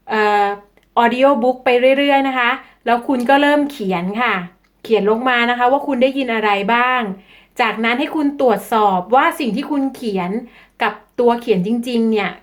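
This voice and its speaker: A Thai-speaking woman teaching English-learning tips in a lesson, switching into carefully spoken English example sentences. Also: fairly high pitch. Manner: slow, careful delivery with deliberate English examples.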